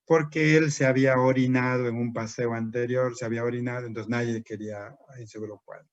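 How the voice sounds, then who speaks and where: A man's voice: mid-range voice, fairly even intonation, fairly quick, no echo. Man, teacher trainer, lecture, rhetorical questions, muffled lo-fi audio. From Peru. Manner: asks and answers his own rhetorical questions. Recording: dry, dull lo-fi recording.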